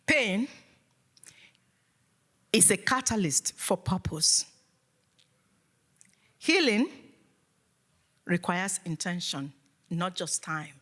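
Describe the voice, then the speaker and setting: A woman's voice: lowish voice, big pitch swings, extremely slow, pauses often, sharp tone. A woman from Africa giving a rousing motivational keynote speech to a live audience in an event hall, with a preacher-like call and response. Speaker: motivational speaker.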